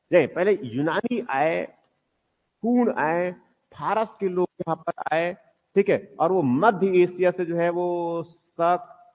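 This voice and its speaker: A male teacher giving a history lecture in a classroom, asking the class questions and answering them himself, often repeating key words slowly for stress. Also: fairly high pitch, long reverb tail, highs cut off.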